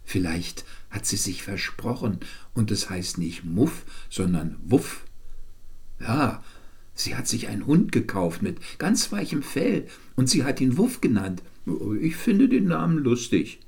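A man's voice: medium pitch, sing-song, a little slow, gravelly, a little mellow, breathy edge, full character voice. A man voicing a boastful, know-it-all older brother in a bedtime story reading. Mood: explaining.

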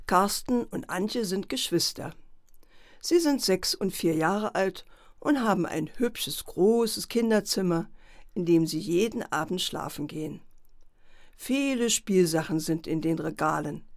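Woman reading a children's story, slow, very lively expressive pitch, dry close sound. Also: no echo.

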